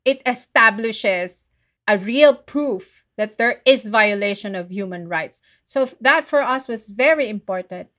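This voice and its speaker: A woman, a guest activist from the Philippines, answering interview questions in an earnest, measured way. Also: mid-range voice, fairly bright tone.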